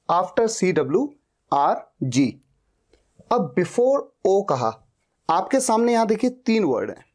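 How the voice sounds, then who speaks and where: A man with a high-pitched, somewhat dark voice teaches a slow spoken-English lesson on pronunciation. He patiently spells out words and says them again.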